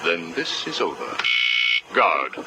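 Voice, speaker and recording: An actor playing a calm, coolly menacing prison psychiatrist, heard as a video game interview tape recording. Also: male voice, low-pitched, takes it slowly, full character voice. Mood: cold. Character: cold, probing male prison psychiatrist. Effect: played from a hissy interview tape recording.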